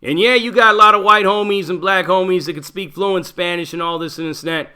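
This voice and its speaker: A man's voice: high-pitched, fairly quick, sharp tone, smooth. A middle-aged man, a former prisoner, talking bluntly in a casual monologue full of profanity and street slang. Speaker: channel host, former prisoner.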